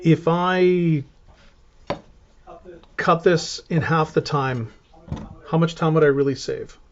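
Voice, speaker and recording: A Canadian man speaks slowly in a fairly high voice while hosting a live cooking stream. He keeps it casual and chatty, explaining as he chops and preps, over dull lo-fi audio.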